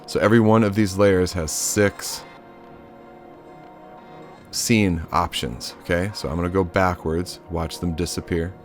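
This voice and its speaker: A man's voice: deep voice, fairly even intonation, measured pace, long pauses, faint music behind. A man giving a loose, chatty hands-on synth tutorial, cracking offhand jokes and the odd swear word. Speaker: synth module demonstrator.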